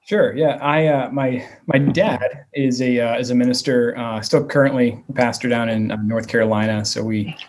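Speaking at a moderate pace with few pauses, the interviewee, a nonprofit leader in his thirties from around Virginia / West Virginia, has a medium-pitched, fairly even, slightly mellow voice. His answers are hesitant, packed with fillers and restarts, and slight background noise is audible.

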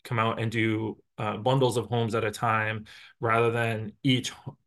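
A middle-aged man with a low, fairly monotone voice explains a community energy project. He speaks in a measured way, breaking up his sentences with "uh" and short pauses. He sounds like a college staff member being interviewed about his work. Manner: measured, many filler pauses.

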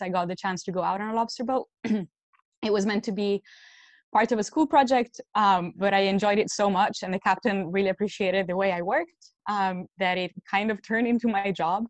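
A young woman from Italy who works as a sternman on a lobster boat, telling her story thoughtfully with many pauses. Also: mid-range voice, dry recording. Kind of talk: panel discussion.

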